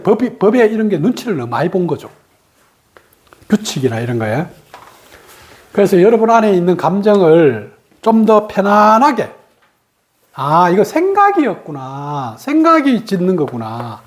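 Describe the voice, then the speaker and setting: Woman, meditation teacher, animated pitch, rhetorical questions, laughs between points. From Gyeongsang region, Korea. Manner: lively, asks rhetorical questions and answers them. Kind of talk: meditation dharma talk.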